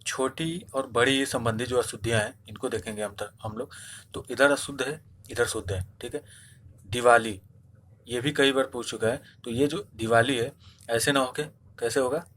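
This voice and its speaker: A male Hindi teacher with a medium-pitched, fairly bright, steady voice gives an online spelling lesson for exam preparation at a normal speed. He explains each step, answers his own questions, and keeps repeating "theek hai" over slight background noise.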